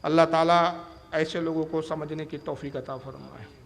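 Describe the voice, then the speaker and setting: A man's voice: fairly high pitch, fairly even intonation, creaky, a little hiss or hum. A man preaching a sermon in an emphatic, challenging way. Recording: echoey hall reverb.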